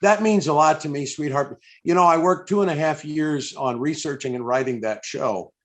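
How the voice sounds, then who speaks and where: An older American man conducts a casual, chatty live interview over a video call from indoors, warmly effusive, reminiscing, and prone to repeating himself. His voice is a little high and his pace moderate.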